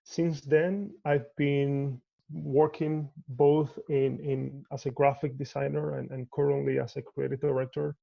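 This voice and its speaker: A man's voice: mid-range voice, flat delivery, vocal fry, dull audio. A man from Cuba, an artist talking thoughtfully in a video call interview from home, often restarting his sentences. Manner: measured, thoughtful, with frequent restarts.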